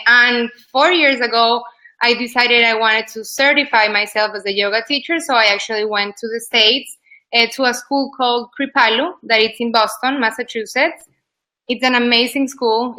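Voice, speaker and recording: In poor-quality audio, a fairly high, pushed and bright female voice belongs to an Ecuadorian woman in her 20s. She's a yoga teacher talking about her work in a casual interview, chatty and loose with many "like" fillers.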